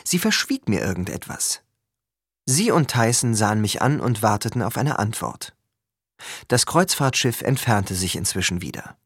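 A man reading a first-person story aloud as an audiobook, with expressive, lively storytelling. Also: fairly low pitch, moderate pace, husky, no echo, clean studio sound. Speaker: audiobook reader.

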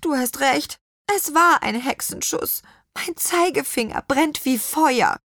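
A woman's voice: on the high side, normal speed, no echo, clean studio sound, voice pushed up. A woman voicing a kindhearted storybook apple witch, speaking expressively. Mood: relieved. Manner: lively, expressive. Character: kindly apple witch, female, warm-hearted.

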